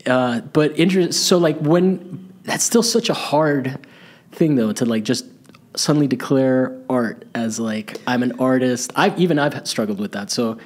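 A man in his forties hosting a podcast, chatting casually and rambling a little, recorded in a gallery on a boom-arm studio mic. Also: measured pace. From grew up in Costa Rica, Italy and Miami. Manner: relaxed, rambling, laughs easily. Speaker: podcast host. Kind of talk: casual interview chat. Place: gallery space, indoors. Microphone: studio mic on boom arm, headphones.

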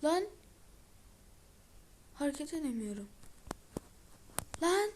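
A woman narrates her game in an excitable, drawn-out way, her voice sitting a little high. She often sinks into a whisper between her louder reactions. A faint noise runs under the recording. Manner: excitable running reactions to the screen. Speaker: gaming video creator. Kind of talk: let's-play game commentary.

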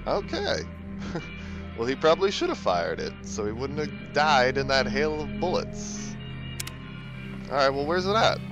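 Man, gameplay commentary, joking, lively pitch, game music behind. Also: unhurried, long pauses. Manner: joking, teasing, talks over characters. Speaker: gaming video host. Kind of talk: let's play commentary.

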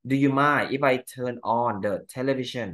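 Speaking at medium pitch in a steady, fairly bright tone, a Thai-accented man goes over exam answers, reading English sentences slowly and clarifying each in Thai.

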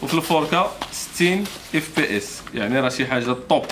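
In a small motorbike accessory shop, clearly noisy indoors, a thirtysomething man with a Moroccan accent shows off products informally. His mid-range voice is expressive and quick, and he keeps up a repetitive sales pitch.

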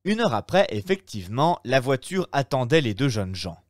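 A man narrating a classic novel in a live reading, expressive and measured. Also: medium pitch, no echo, studio quality. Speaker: reader.

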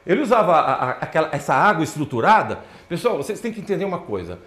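In a spacious-sounding lecture hall, a fast-talking man with a slightly high voice presents to an audience. He gestures at the slides with animation, saying "ó, olha só" again and again.

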